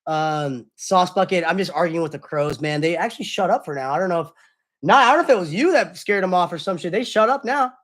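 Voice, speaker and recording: A man's voice: high voice, lively intonation, fast talker, fairly bright tone. A young man streamer chatting casually with his live chat, loose and slangy, often apologizing.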